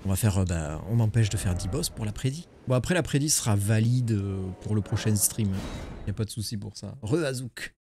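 Excitable French man streaming a game. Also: lowish voice, a little fast, slight background noise. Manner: excitable, swearing, joking with chat. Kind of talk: casual gaming stream commentary. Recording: music behind voice.

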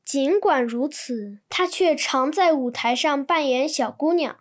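A woman reading translated textbook sentences in an even, clear manner. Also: sits high, measured pace. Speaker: Chinese translation reader.

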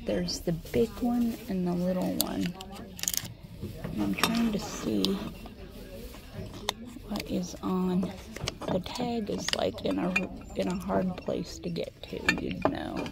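A woman's gravelly, medium-pitched voice comes through a very noisy recording. She has a Midwestern American accent and is vlogging a casual shop-with-me chat on a handheld phone in a large indoor store, chatty and often dropping to a whisper.

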